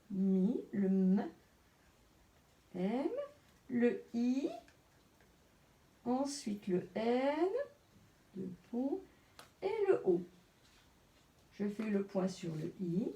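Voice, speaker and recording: Slow, gravelly French woman teaching phonics. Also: on the high side, lively intonation, warm tone, far from the mic. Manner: slow, deliberate, spelling out sounds. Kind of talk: slow classroom phonics lesson.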